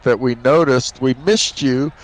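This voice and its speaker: A man doing color commentary on a race broadcast in a relaxed, hesitant way, with many fillers. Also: medium pitch, a little slow.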